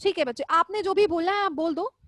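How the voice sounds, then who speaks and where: A woman's voice: very high-pitched, fast talker, fairly bright tone, no room sound. A woman teaching zoology in a live online class, chatty and affectionate, often repeating questions back to her students. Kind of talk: live online class, casual Hindi lecturing.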